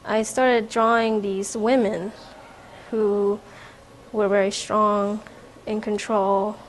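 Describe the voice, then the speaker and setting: This reflective young adult painter and art student, from Vietnam but raised in America from the age of four, talks informally about her art. She speaks slowly in a level, mid-range voice on a low-quality recording with background noise.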